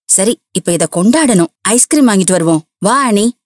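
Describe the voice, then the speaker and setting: A woman voicing a lively, chatty female friend who talks in a raised, cheerful voice. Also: medium pitch, moderate pace, no echo, close to an everyday voice. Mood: enthusiastic.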